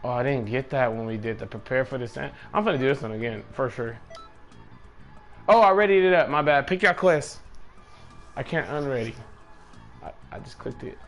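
A man's voice: medium pitch, moderate pace, long pauses, faint music behind. A young man streaming a video game, chatting casually with slangy banter and laughing a lot. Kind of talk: casual gaming chat.

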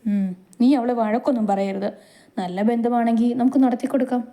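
A confident, protective young husband who asks anxious questions and promises to help, read by a woman narrator in her own light, mellow voice. It is a storybook rendering, not a deep male voice. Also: fairly even intonation, fairly quick, lightly acted. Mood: concerned. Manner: confident, reassuring.

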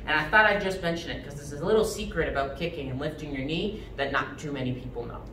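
Young guy teaching kids karate, short sharp commands, mic way off, some noise behind. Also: on the high side, quick pace. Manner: sharp, clipped martial arts commands. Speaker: karate instructor. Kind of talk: instructional class for children. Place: mid-sized indoor karate studio with matted floor. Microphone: distant camera. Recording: roomy, distant microphone, background noise.

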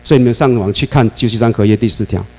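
A man with a Taiwanese Mandarin accent giving a classroom lecture, animated, often asking the class questions and laughing. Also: mid-range voice, rapid-fire, rough recording. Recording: mains hum under the voice.

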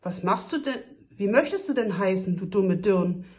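A woman reading aloud puts on a pompous old storybook king. He lectures in a lofty, blustering way, loud and raised. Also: mid-range voice, expressive, moderate pace, close to an everyday voice. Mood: persuading.

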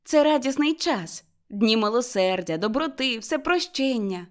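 An eager, cheerful young man, as a woman reader plays him in a storybook, high and bright-toned. His voice leaps up and down with excitement. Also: a little slow. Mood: pleading.

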